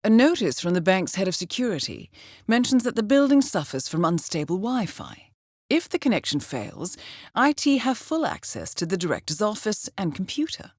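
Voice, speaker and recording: An actress with a mid-range voice gives a calm briefing as a coolly professional video game handler instructing an assassin, composed, formal and drily understated. She is very animated, speaking at a moderate pace, with no echo.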